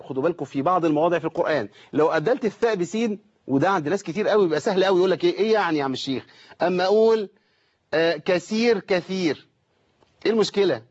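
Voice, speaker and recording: A middle-aged man with an Egyptian accent teaching Quran recitation online, correcting students and slowly demonstrating each sound. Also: on the high side, animated, slightly rough, muffled recording. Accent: Egyptian Arabic. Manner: corrective, demonstrates letters slowly and repeats them. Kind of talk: online tajweed lesson.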